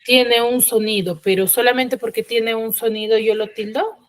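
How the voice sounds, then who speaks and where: A woman's voice: a little high, steady tone, normal speed. A woman teacher explaining a grammar lesson in an online class, checking in often with short questions. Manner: explains step by step, checks in with frequent "¿sí?". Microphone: video call.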